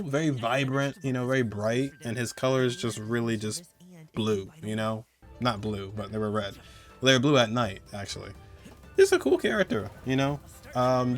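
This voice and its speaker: This is a medium-pitched, slightly bright male voice belonging to the host of a video game countdown. He keeps things slangy and conversational, dropping in little chuckling asides.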